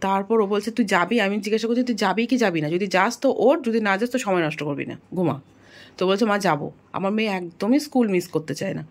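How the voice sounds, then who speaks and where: A woman vlogging casually from her home, chatting to viewers and scolding her daughter, her throat a little hoarse. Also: mid-range voice, fast. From Bengal. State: throat slightly hoarse lately. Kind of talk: casual home vlog chat. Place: home kitchen and bedroom.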